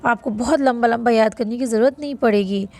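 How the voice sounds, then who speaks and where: A woman's voice: on the high side, brisk, dark tone. A woman teaching a Sanskrit grammar lesson, patiently repeating rules and answering her own questions. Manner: stretches vowel sounds to demonstrate length. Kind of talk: online lesson explaining notes.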